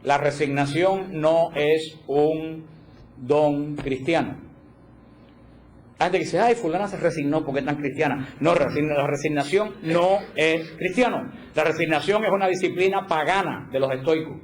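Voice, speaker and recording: A man teaching a catechism course in a slightly higher voice, lively and expressive, slipping into quoted voices to make his point. A faint hiss sits under the recording. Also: a little slow. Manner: animated, acts out quoted voices, repeats for emphasis. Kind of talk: religious teaching talk.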